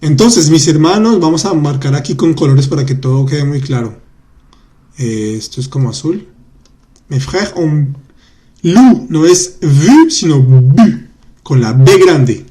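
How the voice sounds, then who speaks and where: A French teacher leads a live online grammar class, chatty and patient, reading student comments aloud and repeating words slowly. His voice sits on the high side, animated and dark in tone.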